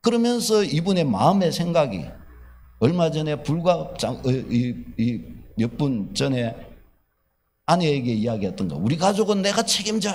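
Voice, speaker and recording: A male pastor preaching a sermon, telling a story and acting out its characters with animation. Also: a little high. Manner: animated, acts out dialogue.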